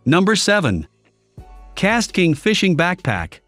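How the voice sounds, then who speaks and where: A man reads a product buying guide as a scripted voice-over, with a fairly high, lively voice. He works through lists of features in a steady, advertising tone. Soft music plays under his voice. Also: slow pace. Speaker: product review narrator. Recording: faint background music under the voice.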